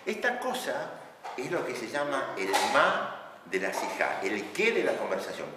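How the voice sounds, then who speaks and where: Brief: male lecturer, very expressive pitch, distant mic in a reverberant hall with background noise. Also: measured pace. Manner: animated, acts out shouting examples, laughs often. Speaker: lecturer on couples' communication. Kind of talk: lively classroom lecture.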